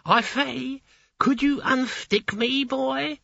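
A man voicing a sneering, vulgar demonic gargoyle door knocker in an audiobook, with a husky, wheedling manner. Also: sits high, animated, unhurried, sharp tone, no echo, voice pushed up, exaggerated voice. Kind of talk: audiobook character voice. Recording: dry, slightly dull recording.

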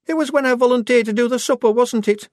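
Brief: man voicing a young woman posing as a soldier, high, emphatic and easily flustered, storybook reading. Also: fast, darkish tone, no echo, studio quality.

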